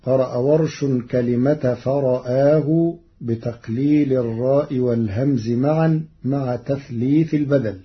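A man teaching Quran recitation rules, explaining each point slowly and reciting short examples. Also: mid-range voice. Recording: dull lo-fi recording.

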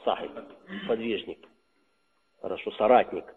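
A husky-voiced man gives a religious lesson explaining a text, speaking at a normal pace in a lowish register. He poses rhetorical questions and answers them himself, repeating key terms. The sound is reverberant, as if in a hall, and comes through a tinny, phone-like line.

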